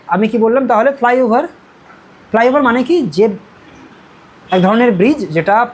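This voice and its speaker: A woman's voice: mid-range voice, darkish tone, slight background noise, low-quality recording. Bengali woman teaching a classroom lesson. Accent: Medinipur Bengali. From Medinipur, West Bengal. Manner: explains step by step, keeps checking in with students. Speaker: spoken English teacher.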